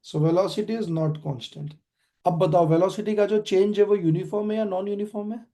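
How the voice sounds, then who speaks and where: A man's voice: high voice, steady tone, normal speed, warm tone. A young adult man with an Indian accent teaching a physics class, quizzing students as he goes and mixing Hindi with English. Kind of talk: online class lecture.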